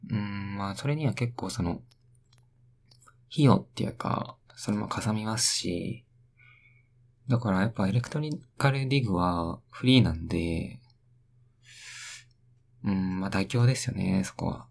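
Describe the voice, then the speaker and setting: Young guy rambling on his own radio talk, gravelly fry, keeps riffing on words. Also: low-pitched, moderate pace, long pauses. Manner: rambling, talks to himself, plays with words in sing-song repeats. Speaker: podcast host.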